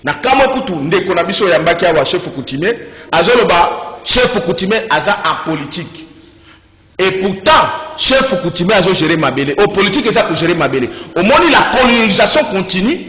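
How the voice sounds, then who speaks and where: A man with a Congolese accent, a religious speaker in a debate, preaching with fiery declaiming that rises to shouts. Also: high-pitched, big pitch swings, a little fast. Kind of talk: impassioned preaching in an interview. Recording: echoey reverberant room.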